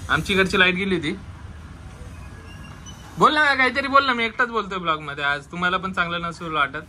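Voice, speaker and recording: A man's voice: a little high, pushed and bright, slight background noise. A man hosting a casual vlog, talking in a teasing, coaxing way. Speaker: vlog host.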